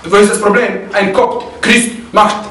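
A man teaches a religious lesson in a high voice, racing through Arabic quotes before explaining them and dropping frequent "ja?" checks to his listeners. He grows heated and indignant as he tells his stories. The sound is roomy, and he stands a little back from the microphone. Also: fairly even intonation, fairly bright tone, recorded from a distance. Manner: reads Arabic quotes quickly, then explains in German, often asking "ja?"; grows heated and indignant when telling a story. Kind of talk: lecture explaining hadith with anecdotes.

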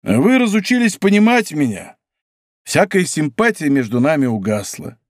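A man's voice: fairly high pitch, sing-song, normal speed, dry recording, studio quality. A man voicing a boastful, good-natured musketeer who talks grandly and plays melancholy.

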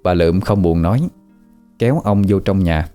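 A man narrating a horror story in a vivid, measured way. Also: low voice, warm tone, smooth, soft background music.

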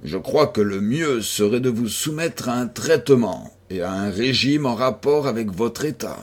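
A man's voice: mid-range voice, animated, moderate pace, breathy edge. A man voicing a polite, slightly stiff young doctor with a courteous but curt manner. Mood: earnest.

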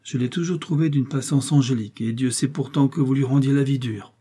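A man's voice: medium pitch, steady tone, brisk, mellow, slightly rough, pitched above the performer's own voice, close to an everyday voice. A man reading aloud and voicing an older, kindly aunt who speaks firmly and earnestly. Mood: reproachful. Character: kind elderly aunt, protective.

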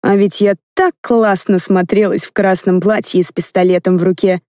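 A woman reading a first-person fantasy audiobook with lively, expressive narration. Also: medium pitch, normal speed, dry recording, studio quality. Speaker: audiobook reader.

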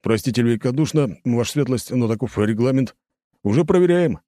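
A man voicing a fawning male traffic police lieutenant who talks fast and over-politely in an audiobook. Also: mid-range voice, very animated, mellow, no room sound, studio quality, voice pushed up. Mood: ingratiating. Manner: rapid, obsequious and over-polite.

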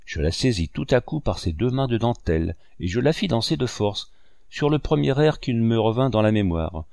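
A man narrating a classic novel in the first person, with measured, expressive storytelling. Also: medium pitch, gravelly, dry recording, studio quality. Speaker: audiobook narrator. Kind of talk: literary audiobook narration.

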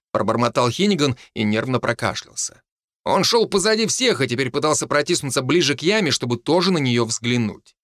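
A man narrating an audiobook in the first person, telling it in an expressive, animated way. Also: mid-range voice, no echo, studio quality.

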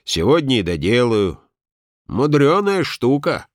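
A man reading a story aloud and voicing a gruff, stubborn working-class handyman who speaks in rough colloquial phrases. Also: medium pitch, sing-song, unhurried, no room sound, clean studio sound, voice pushed up. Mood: sullen. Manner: rough colloquial speech, offhand and cocky. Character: gruff male handyman, crude, stubborn and boastful.

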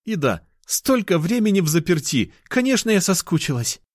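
A man's voice: sits high, big pitch swings, moderate pace, no room sound, studio quality, voice pushed up. A man voicing a playful young cat-girl. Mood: excited.

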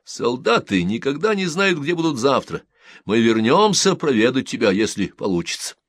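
A man reading the part of a calm army lieutenant who speaks in a measured, dry way. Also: medium pitch, slightly rough, no echo, voice pushed up.

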